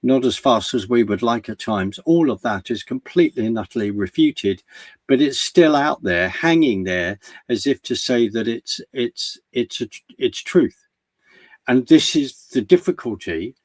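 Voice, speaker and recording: A man's voice: medium pitch, animated, dry recording. A man giving earnest commentary in a conversation, often restarting his sentences. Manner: earnest, halting with many restarts. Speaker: guest commentator.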